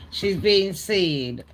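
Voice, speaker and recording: A woman hosting a live celebrity gossip stream, casual, blunt and sweary, talking straight to her viewers. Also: on the low side. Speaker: gossip channel host.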